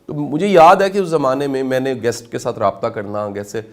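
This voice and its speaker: A middle-aged man from Pakistan, giving an animated motivational lecture and asking his audience questions. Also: medium pitch.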